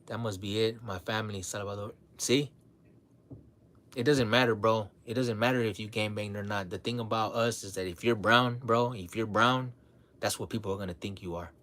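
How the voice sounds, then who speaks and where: A man talking casually to his livestream audience, relaxed and blunt, sprinkling his talk with "man" and "bro", often repeating and restarting his words. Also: on the low side, brisk. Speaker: livestream host.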